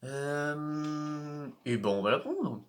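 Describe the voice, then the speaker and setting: Unhurried man commenting on a game. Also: fairly high pitch. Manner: unhurried, hesitant, with many restarts and chuckles. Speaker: gaming video host. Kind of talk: casual gameplay commentary.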